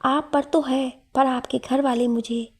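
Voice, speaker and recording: A woman voicing a shy, coy young female student in a read-aloud story, with a breathy, fairly high voice. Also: steady tone, a little slow. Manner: shy, teasing.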